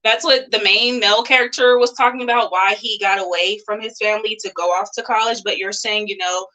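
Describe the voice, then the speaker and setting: A woman's voice: medium pitch, steady tone, a little fast, pushed and bright, rough recording. A woman interviewing in a casual live chat over a video call, talking in a rambling way with lots of "like".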